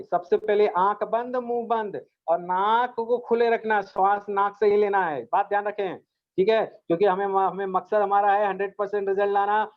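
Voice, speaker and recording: A man teaching a meditation lesson to school students, speaking in an earnest, repetitive, coaxing way and addressing them directly. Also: sits high. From India. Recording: dull lo-fi recording.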